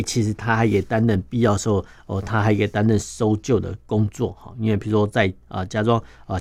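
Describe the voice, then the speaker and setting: With a Taiwanese Mandarin accent, a male defense journalist appearing as an interview guest lays things out patiently, one step at a time, and keeps adding little filler particles. His voice is on the low side and his manner steady. The recording has no echo.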